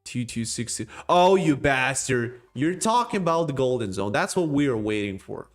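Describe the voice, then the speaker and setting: With soft background music behind him, a man with a non-native English accent rambles and jokes through chat on his casual crypto stream, laughing and restarting. His mid-range voice has a sing-song lilt at normal speed.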